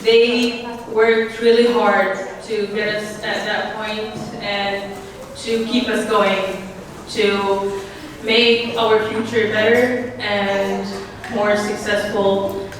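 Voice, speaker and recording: A woman's voice: mid-range voice, flat delivery, extremely slow. A teenage girl from Syria giving a nervous, hesitant personal speech at an event, with many fillers and small laughs. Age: teens. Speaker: new citizen speaker. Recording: echoey hall from far off, noisy.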